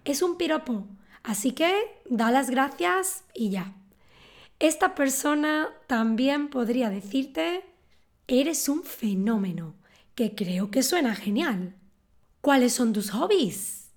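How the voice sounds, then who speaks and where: A woman, giving a calm, clear scripted lesson on words. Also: high voice, slow pace. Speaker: Spanish teacher.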